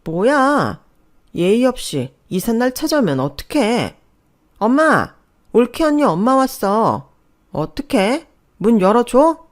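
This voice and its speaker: A woman voicing a snippy young sister-in-law with a whiny, high voice. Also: very animated, slow.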